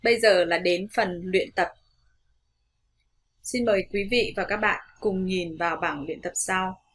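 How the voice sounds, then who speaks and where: A woman with a Vietnamese accent teaching English pronunciation in an online lesson, politely addressing viewers and modelling words slowly and carefully. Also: lowish voice.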